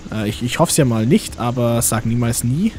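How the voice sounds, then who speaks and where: A man's voice: mid-range voice, moderate pace, a little mellow, slight background noise. A man giving casual game commentary, rambling to himself and to the game's characters. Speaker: let's play host. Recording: game music behind the voice.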